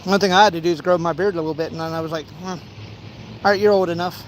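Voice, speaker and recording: Racing along in a high-pitched, steady voice, a fishing vlogger in his forties chats loosely beside a pond. He wanders from anecdote to anecdote and acts out brief exchanges, with some outdoor ambient noise around him.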